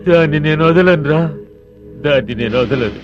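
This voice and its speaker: Man doing a loud bandit chief in a film, high voice, music under it. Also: animated, moderate pace, lo-fi sound, natural voice. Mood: grieving. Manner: commanding, bursts into loud grief. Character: fierce bandit chief, grieving older brother. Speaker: forest bandit leader.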